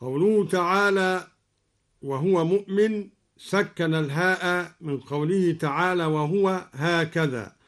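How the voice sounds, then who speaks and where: A man from Egypt giving a radio lesson on recitation variants, calmly explaining each point and then chanting the verse slowly and melodically. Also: sits high. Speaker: Quran recitation teacher.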